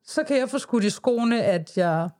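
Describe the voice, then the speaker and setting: A woman's voice: on the high side, expressive, warm tone. A Danish-accented woman co-hosting a podcast in casual conversation, with a wry, self-deprecating way of talking. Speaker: podcast co-host. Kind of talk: casual chat.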